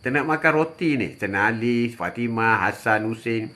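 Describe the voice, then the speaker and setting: Lively older man giving religious advice. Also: fairly low pitch, a little fast. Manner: chatty, repeats phrases, frequent "ha" interjections. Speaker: religious teacher. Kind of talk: live-stream religious advice, answering viewers.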